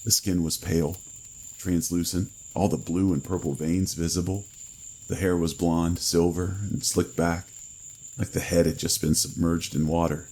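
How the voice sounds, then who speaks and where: A man reading a first-person horror story in a slow, grave storytelling manner. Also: low voice, little pitch movement, mellow, poor audio. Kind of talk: scripted horror narration.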